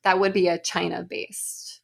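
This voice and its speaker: A woman co-hosting a casual podcast, with a creaky, gravelly texture to her voice. She talks in an animated, exasperated way. Her delivery is dry and sardonic. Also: on the low side, measured pace. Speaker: podcast co-host. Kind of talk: casual chat.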